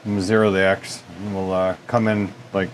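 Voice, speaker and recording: A man's voice: low-pitched, level tone, brisk, slight background noise. A man hosting a repair channel, casually demonstrating lathe work in his workshop and thinking aloud with folksy asides. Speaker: machine shop repair host.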